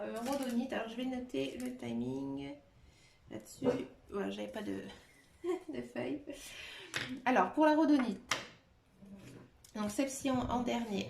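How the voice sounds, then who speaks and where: A woman giving a tarot reading to her viewers, talking gently and hesitantly with many filler sounds. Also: fairly high pitch, gravelly. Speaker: tarot card reader. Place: room at home, dog nearby. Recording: echoey room with faint noise.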